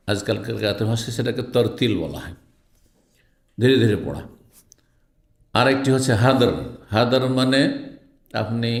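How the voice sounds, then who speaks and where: A low-pitched man delivers a religious lesson, hammering home each point and repeating it for emphasis. His voice rings around a roomy, echoey space. He now and then draws words out slowly to show how they should be read. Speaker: Islamic scholar teaching hadith. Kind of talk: religious lecture explaining a text. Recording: roomy echo.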